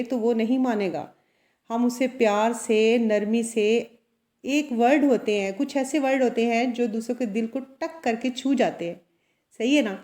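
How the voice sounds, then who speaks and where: A woman's voice: a little high, dark tone. A woman who runs a salon and a boutique, talking earnestly and confidingly to her viewers about her own life, often checking in with them as she goes. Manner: earnest, confiding, with frequent tag questions. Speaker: vlogger. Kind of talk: personal motivational talk to camera.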